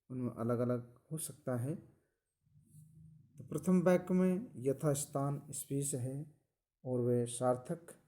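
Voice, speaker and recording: A man giving a college lecture, explaining slowly and deliberately, often repeating phrases. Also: mid-range voice, dark tone. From India. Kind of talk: recorded lecture.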